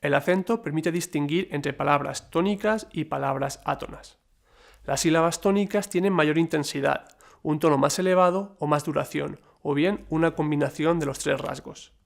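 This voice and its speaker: Man with a gravelly voice explaining. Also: on the high side. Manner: measured, explanatory reading with small slips. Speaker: lecturer. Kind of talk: scripted educational narration.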